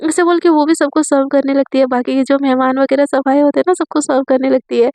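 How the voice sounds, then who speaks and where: A high-voiced woman tells a romance story in a casual, chatty way, her throat dry from fasting. Her voice has a gravelly fry, and the recording sounds close and dry. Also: fairly even intonation, a little mellow, no echo.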